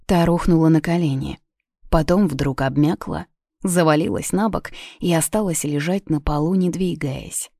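Low-voiced woman reading a story. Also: normal speed, creaky, dark tone, no echo, clean studio sound. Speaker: audiobook narrator. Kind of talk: scripted narration.

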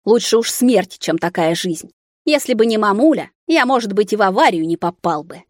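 A woman's voice: medium pitch, animated, moderate pace, no echo, studio quality, lightly acted. Woman voicing a bitter young man in a wheelchair. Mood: bitter, shouting. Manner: sarcastic, shouting in anger.

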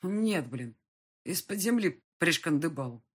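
A woman's voice: low-pitched, expressive, slow, husky, full character voice. A woman voicing a sulky young male ghost who talks in rude, sarcastic slang.

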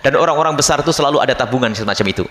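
A man giving a religious lecture to a congregation, animated, acting out the voices of people he describes. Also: medium pitch, racing. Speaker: Islamic preacher. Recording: echoey hall with long reverb.

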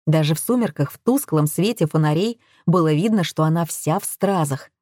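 A woman narrating an audiobook in a steady, measured way. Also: deep voice, no room sound, clean studio sound.

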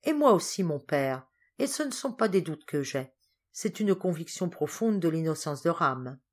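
A woman's voice: low-pitched, very animated, normal speed. A woman reading the part of an impassioned young man pleading with his father, in a fervent, declamatory way.

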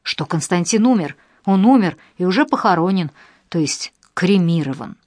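A woman's voice: lowish voice, lively intonation, normal speed, darkish tone, no echo, clean studio sound. A woman reading the part of an older heroine who answers a blackmailer boldly and mockingly in an audiobook. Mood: defiant. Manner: bold, mocking. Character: older woman, sharp and quick-witted.

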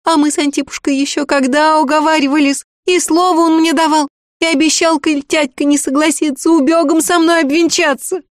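A woman voicing a young peasant girl who pleads tearfully in a high, quick voice. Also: fairly even intonation, dry recording, studio quality, natural voice. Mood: pleading.

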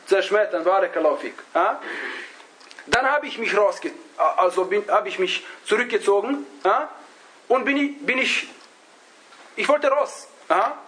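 High-voiced man teaching, halting delivery. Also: lively intonation, sharp tone, low-quality recording. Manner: halting, searches for words, often adds a questioning "ja?". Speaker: religious teacher. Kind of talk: religious lesson, storytelling to a class.

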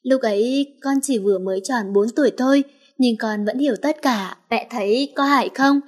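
A woman's voice: on the high side, normal speed, lightly acted. A woman voicing a hurt little boy of about five who pleads tearfully with his new mother in an audiobook story. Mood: pleading.

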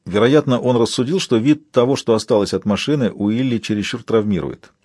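Husky male audiobook narrator. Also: mid-range voice, fairly quick, darkish tone, no room sound, studio quality.

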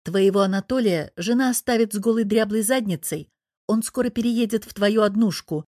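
A woman's voice: medium pitch, fairly quick, darkish tone, dry recording. Middle-aged woman reading an audiobook, dry sarcastic delivery, very dry close mic. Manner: dry, sardonic, blunt. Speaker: audiobook narrator. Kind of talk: first-person audiobook narration. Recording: dry close studio sound.

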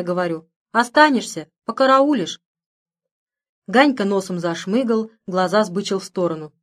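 A woman reading a story aloud as a first-person narrator, in lively, folksy, conversational rural speech. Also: mid-range voice. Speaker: audiobook reader.

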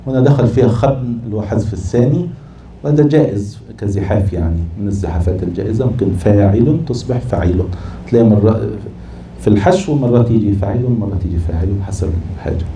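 A man's voice: lowish voice, fast, dark tone. A man teaching poetic meter in class, scanning verses aloud syllable by syllable. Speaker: sheikh teaching Arabic prosody. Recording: echoey room, from far off, faint noise.

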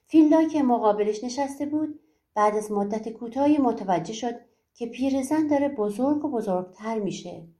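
راوی زن با صدای گرم و ملایم. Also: female voice, a little high, animated, warm tone. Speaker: audiobook narrator. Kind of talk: storytelling narration.

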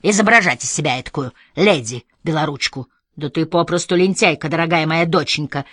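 A cranky old man creaks out his complaints, slow and resentful, as a woman reader puts him on. The voice sits low and sounds dry and close. It is an audiobook character voice. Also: a bit bright, no echo. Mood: bitter. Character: grumpy bitter old lodge-keeper father.

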